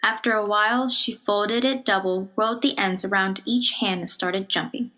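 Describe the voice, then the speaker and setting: A woman with a mid-range voice reads a children's picture book aloud, telling the story in a measured, expressive way and dropping to a hush on some phrases. The recording is rough.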